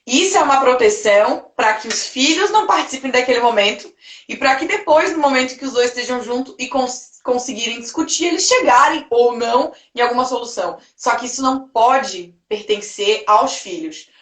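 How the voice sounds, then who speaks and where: A woman family therapist talks through family problems at length. Her voice sits high, and the room around her is roomy and echoey. She slips into little quoted voices of parents and children as she explains. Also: lively intonation, a little fast, fairly bright tone. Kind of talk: casual live-stream talk.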